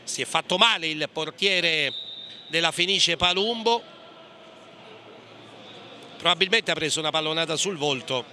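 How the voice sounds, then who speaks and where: A male commentator with a slightly high, pushed, bright voice narrates a futsal match a little slowly, with long pauses. He delivers clipped running commentary, naming each player as the ball passes and hesitating, while gym noise, hall sounds and a bouncing ball are clearly heard.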